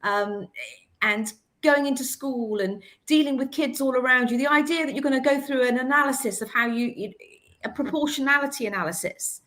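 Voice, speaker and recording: A woman hosting a panel discussion, talking in an animated, emphatic way with many restarts. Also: high-pitched, fairly quick. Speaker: host.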